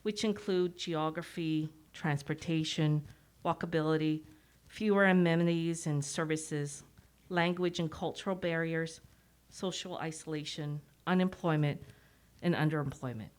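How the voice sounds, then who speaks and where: Wearing a mask, a middle-aged Canadian-accented woman who serves as executive director presents to the public in a relaxed, self-deprecating way, relying partly on her notes. She has a low, somewhat mellow voice and an unhurried pace.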